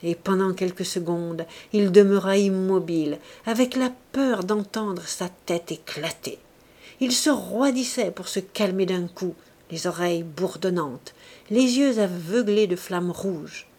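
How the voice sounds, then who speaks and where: A woman reads a classic novel aloud in a measured, expressive narration. Her voice is mid-pitched, and she gives each sentence a clear shape. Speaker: audiobook narrator. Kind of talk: literary audiobook narration.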